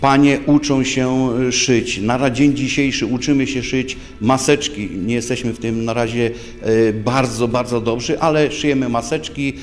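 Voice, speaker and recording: A man's voice: medium pitch, steady tone, normal speed. A man in his sixties giving a spontaneous interview statement, hesitating and repeating words as he goes. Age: 60s. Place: indoor office. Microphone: handheld microphone in front.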